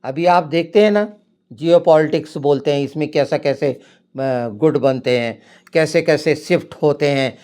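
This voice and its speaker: A middle-aged man preaching a sermon, fervent and emphatic, often rising to forceful declarations. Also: a little high, moderate pace.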